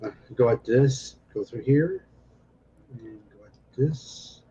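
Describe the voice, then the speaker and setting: A man playing a tabletop game, thinking his moves out loud and a little unsure. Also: mid-range voice, takes it slowly, muffled recording, slight background noise. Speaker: player. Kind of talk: casual tabletop game chat.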